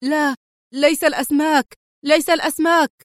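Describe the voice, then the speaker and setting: A woman's voice: high-pitched, steady tone, fairly quick, dry recording, clean studio sound, voice pushed up, natural voice. A woman voicing a panicked male pilot who cries out and pleads in terror. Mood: terrified.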